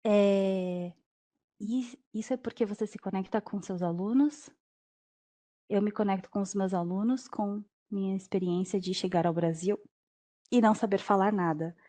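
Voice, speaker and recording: Animated woman teacher telling a story. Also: medium pitch, normal speed. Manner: lively, acts out dialogue with quoted voices. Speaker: language teacher. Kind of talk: telling a personal story in an interview.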